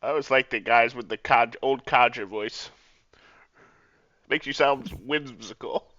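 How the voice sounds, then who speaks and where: A man's voice: mid-range voice, unhurried, a bit bright, no room sound. A man playing a tabletop game, chatting casually and speaking in character, on a slightly dull microphone. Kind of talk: casual game chat and role-play.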